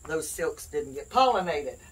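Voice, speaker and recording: A woman's voice: sits low, big pitch swings, measured pace, a little hiss or hum, poor audio. A woman hosting a homestead cooking video, chatty and playful, joking and laughing as she explains the steps. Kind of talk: casual kitchen demonstration. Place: home kitchen.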